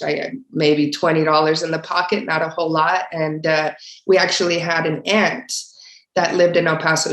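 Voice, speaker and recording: A woman's voice: low-pitched, fairly bright tone. A young woman from Mexico, a referee answering interview questions in an earnest, casual way with frequent fillers. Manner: earnest, many fillers, speaks up on key points. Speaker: guest, basketball referee. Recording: roomy echo.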